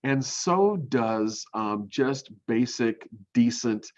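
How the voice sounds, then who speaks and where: A man teaching graphic design in a recorded demo, talking in a halting way with many ums and restarts. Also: medium pitch, animated. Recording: muffled lo-fi audio.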